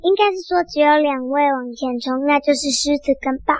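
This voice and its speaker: A storyteller with a high, hoarse, childlike voice, narrating an animal story for children in a simple, drawn-out way. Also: dry recording. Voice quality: hoarse, husky.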